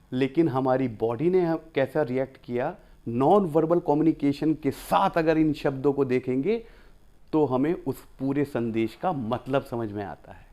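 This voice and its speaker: A man gives a classroom lecture at an ordinary pitch, with a voice that is neither high nor low. He works through each point in order. He demonstrates example phrases aloud to show his meaning. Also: darkish tone. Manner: explains step by step, acts out example phrases. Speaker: teacher.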